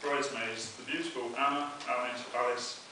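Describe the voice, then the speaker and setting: A man's voice: medium pitch, steady tone, fairly quick. A young man telling anecdotes in a prepared best man's speech at a wedding. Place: inside a wedding venue, speaking to guests. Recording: very echoey, noisy, distant event recording.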